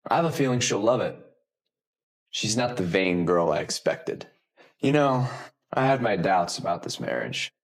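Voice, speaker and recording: Casting: rich romantic lead, male, very low voice, sincere and smitten. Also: expressive, moderate pace, pauses often. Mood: tender, earnest. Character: lovestruck wealthy CEO, earnest and romantic. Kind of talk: melodramatic short-form drama acting.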